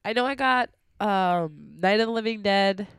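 A woman's voice: mid-range voice, moderate pace, a bit bright, smooth, no echo, clean studio sound. Nasal, stuffed-up female podcast co-host. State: stuffed up, unwell. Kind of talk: casual podcast chat.

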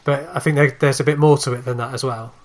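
A man's voice: medium pitch, fairly even intonation, fast talker. A man hosting a podcast interview, asking questions hesitantly with many restarts and fillers. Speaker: podcast host.

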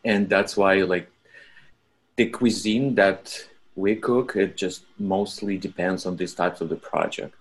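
A man from Russia with a Russian accent, chatting casually on a podcast and often pausing to search for words. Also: sits low, steady tone. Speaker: podcast guest. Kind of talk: casual chat.

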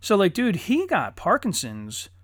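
A man in his thirties, a father and podcast co-host, telling stories in lively casual chat, swearing often and acting out quotes. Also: high voice, a little slow, no echo, clean studio sound. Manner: animated storyteller, swears often, acts out quotes.

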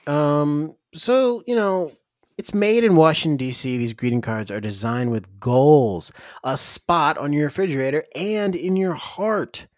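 A man's voice: fairly high pitch, a little slow, dry recording, clean studio sound. A man co-hosting a podcast, joking and mock-exasperated as he riffs through a comedic ad read and banter. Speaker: podcast co-host reading a sponsor ad.

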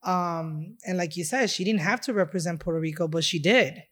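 This woman, a restaurant owner from Chicago, talks about her heritage as a guest in a casual interview. Her voice is on the low side and a bit bright, at normal speed, and her heartfelt talk rambles with many fillers.

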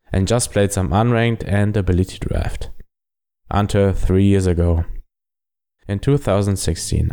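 A man's voice: on the low side, warm tone, clear, resonant tone. A young man with a German accent, hosting a solo podcast and earnestly explaining things. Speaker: podcast host.

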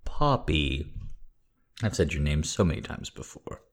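Very deep, slow-paced, mellow man. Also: sing-song. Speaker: audio erotica performer and live streamer. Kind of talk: slow, intimate first-person narration of erotic fiction, then casual chat to listeners.

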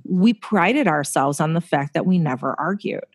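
A woman speaking as a podcast guest, frank and lively, often acting out what people said in her telling. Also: low-pitched, normal speed. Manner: frank and lively, acts out quoted speech. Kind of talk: casual interview chat.

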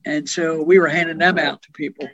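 A man's voice: a little high, fairly even intonation, brisk, fairly bright tone, dry recording, highs cut off. A man, a union organizing director, talking plainly in a podcast conversation and telling stories with asides.

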